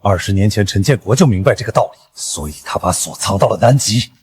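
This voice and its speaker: A low, extremely raspy male villain from a screen drama. He is cold and scheming, laying out his menace calmly. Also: fast talker. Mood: cold, smug.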